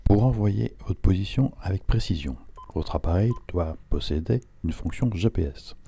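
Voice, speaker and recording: A man's voice: low-pitched, animated, moderate pace, gravelly, dark tone, husky. A man reading a scripted instructional narration in a didactic, step-by-step way, as an instructor would.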